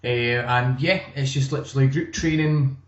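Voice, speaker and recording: A Scottish man runs a gym and chats casually as a guest. His relaxed, easygoing delivery often doubles back on itself. The audio is echoey and dull, like a call from a bare room. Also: medium pitch, normal speed. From Scotland. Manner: relaxed, conversational, many restarts. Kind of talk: casual interview chat.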